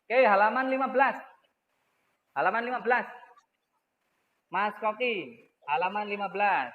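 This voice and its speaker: A man's voice: high-pitched, moderate pace, narrow, tinny audio. A man teaching young children in an online class, speaking patiently and repeating key words, heard through an echoey video call. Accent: Indonesian.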